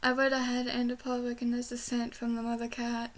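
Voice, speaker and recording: Young woman w high voice, says w for r, casual rambly vlog chat. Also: completely flat delivery, brisk. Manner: trouble pronouncing R sounds, says w for r. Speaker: book reviewer. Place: small bedroom, indoors.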